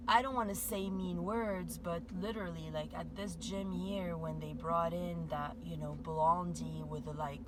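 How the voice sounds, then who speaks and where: A woman's voice: fairly low pitch, unhurried, few pauses. A woman giving a meandering spiritual monologue, full of "like" and "you know" fillers. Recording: steady background noise.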